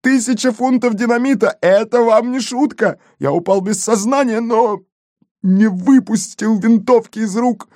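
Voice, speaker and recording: A man voicing an excitable, wounded male gendarme who boasts and shouts in a storybook reading. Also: on the high side, measured pace, no echo, studio quality, voice pushed up, close to an everyday voice. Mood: panicked boasting.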